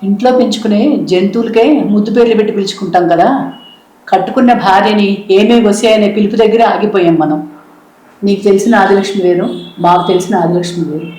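An actress playing a woman from a charity who lectures a husband in a stern, measured way. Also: mid-range voice, warm tone, natural voice. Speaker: social worker. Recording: echoey room.

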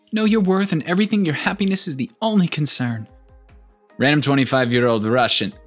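Man wryly narrating memes, lively pitch. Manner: wry, deadpan asides between read captions. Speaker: meme video narrator. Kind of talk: reading and commenting on memes.

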